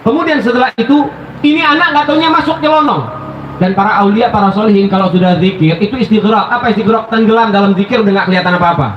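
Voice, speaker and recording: A high-pitched man delivers an animated storytelling sermon, calling out to his listeners as brothers. His voice rings through an echoey hall, captured on a dull, muffled recording with a faint hiss behind it. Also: fast. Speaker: preacher.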